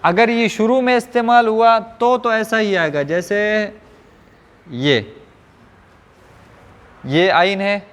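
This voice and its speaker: A man's voice: sits high, steady tone, slow, pauses often, fairly bright tone, smooth, big-room sound. A man teaching Quran recitation, demonstrating and correcting each sound patiently as a pronunciation lesson.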